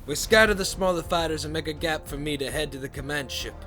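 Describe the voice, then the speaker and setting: A man's voice: fairly high pitch, fast, soft background music. A man doing frantic fighter pilots. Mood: commanding. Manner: shouted battle radio calls. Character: young male starfighter pilot squad and Jedi general, urgent. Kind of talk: fan audio drama.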